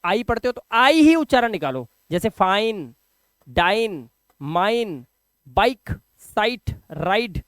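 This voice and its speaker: Man, English teacher, high voice, smooth and clear, dry close sound, emphatic, quizzes the listener. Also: a bit bright, no echo. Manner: emphatic, repeats each word and quizzes the viewer. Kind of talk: spoken classroom lesson.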